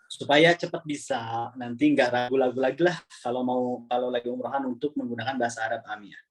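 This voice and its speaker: A man teaching an online Arabic class over a video call, relaxed and chatty, often repeating words as he explains. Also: medium pitch, brisk.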